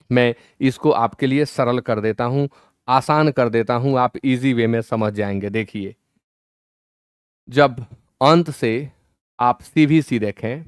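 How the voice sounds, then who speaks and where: A man with an Indian English accent teaching grammar, reading English rules out slowly and then explaining them step by step. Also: mid-range voice, clear, resonant tone, dry recording, studio quality.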